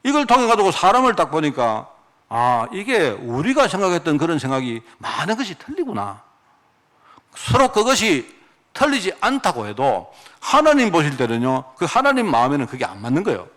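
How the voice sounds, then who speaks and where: A man's voice: a little high, moderate pace. A middle-aged man from Daegu with a Gyeongsang accent, preaching a sermon with emphatic rhetorical questions. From Daegu, South Korea. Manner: animated, emphatic, asks the congregation rhetorical questions. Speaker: pastor.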